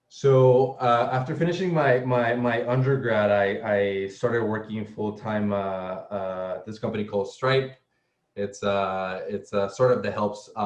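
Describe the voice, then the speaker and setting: A young man from El Salvador, a software engineer, appears as a guest on a casual panel. His voice is lowish and the room echoes, and his speech is halting, full of fillers and repeated words he stumbles over.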